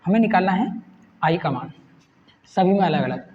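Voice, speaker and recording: A man's voice: high voice, expressive, moderate pace. Male teacher in an echoey room. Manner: asks the class questions and answers them himself. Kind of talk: step-by-step classroom explanation. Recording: echoey room, dull lo-fi sound, faint hiss.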